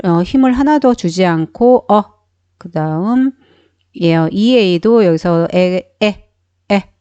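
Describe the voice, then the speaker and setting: A woman's voice: mid-range voice, dark tone, dry recording. A woman teaching a beginner phonics lesson, explaining each sound step by step and repeating every word several times. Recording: dull, dry sound.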